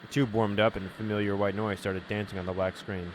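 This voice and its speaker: A man plays through a game casually, reading the narration out loud and commenting, often stumbling over words and correcting himself. His voice is lowish and level, his pace fast, and the rough recording carries slight background noise.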